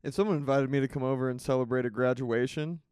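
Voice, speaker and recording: A man's voice: mid-range voice, steady tone, fast, darkish tone, smooth, dry recording, clean studio sound. A man co-hosting a comedy podcast in casual banter. He talks in a laid-back way, swears often and keeps saying "dude". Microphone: studio microphone.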